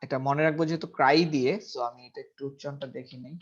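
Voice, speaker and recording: A man's voice: mid-range voice, steady tone, racing. A man teaching English vocabulary in a casual lesson, repeating each word several times and checking pronunciation aloud. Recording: dull lo-fi recording.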